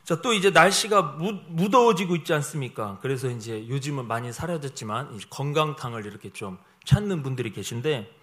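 A man preaching a sermon, animated, swinging between loud emphasis and hushed remarks, with humorous asides. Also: mid-range voice, brisk, hardly any pauses. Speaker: pastor.

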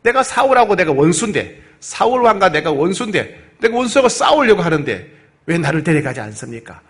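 Man voicing a hot-tempered young warrior-king, high and lively in protest. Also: a little fast. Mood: indignant. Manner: loud, high-pitched protesting outburst.

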